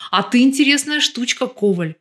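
A woman voicing a crude, slow-witted young male thug in an audiobook, blunt and rough. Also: high-pitched, expressive, fairly bright tone, voice pushed up. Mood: gruff.

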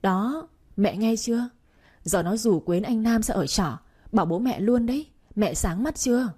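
A woman voicing a spiteful young sister-in-law with a shrill, sour tone who is loud and accusing. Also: expressive, normal speed, husky.

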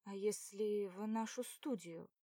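A woman voicing a calm, easygoing young man with an even, practical manner. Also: medium pitch, measured pace, dry recording, studio quality, lightly acted.

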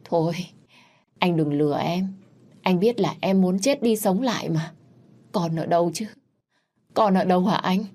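A woman's voice: on the low side, measured pace, pauses often, mellow. Worn-out grieving mother, read by a woman. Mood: disbelieving. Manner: tearful, weary. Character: exhausted grieving young mother.

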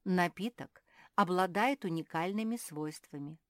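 A woman's voice: lowish voice, unhurried, dry recording, clean studio sound, natural voice. A woman voicing a wise, patient female owl who explains and sighs, in a storybook reading.

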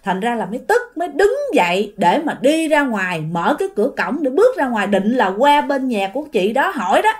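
Woman, Southern Vietnamese accent, casual ghost story narration, chatty, high voice, animated pitch. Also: fairly quick, few pauses. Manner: chatty, addresses listeners directly.

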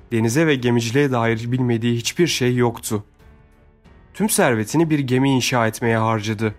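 Male narrator, mid-pitched, steady scripted audiobook reading, faint music underneath.

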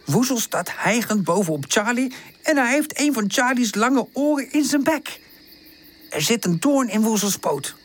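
Expressive woman reading a children's storybook. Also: fairly high pitch, normal speed. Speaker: audiobook narrator.

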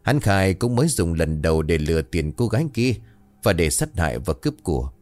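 Deep-voiced male ghost story narrator. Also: a little fast, soft background music. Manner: dramatic, expressive.

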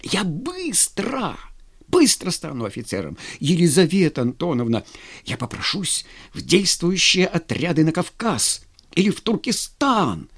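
A man's voice: on the high side, huge pitch swings, a little slow, fairly bright tone, husky, voice pushed up, heavily acted. A man reading a story, voicing an impulsive young cadet who stammers and pleads breathlessly. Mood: desperate pleading.

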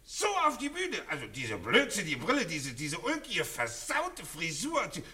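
A guffawing, patronizing old colonel. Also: male voice, fairly high pitch, huge pitch swings, normal speed, bright, forceful tone, husky, heavily acted. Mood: mocking mirth. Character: condescending jovial old colonel, laughing loudly. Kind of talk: 1940s radio drama acting.

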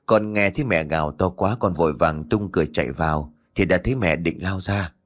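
A man voicing a grown son who calmly reassures his mother, in an audiobook story. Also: fairly low pitch, a little fast, lightly acted. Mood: patient. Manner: calm, gently explaining. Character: adult son, patient and reassuring.

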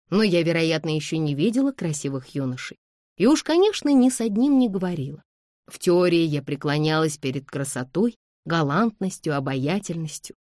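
A woman narrating an audiobook in a measured storytelling manner. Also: fairly low pitch, mellow, dry recording, studio quality.

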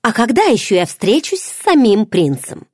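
A woman voices a nosy young pregnant friend, pitching her voice above her natural one to a high, very animated register. The pace is moderate and the tone darkish, recorded clean in a studio with no room sound. She's bubbly and teasing, firing off pushy questions.

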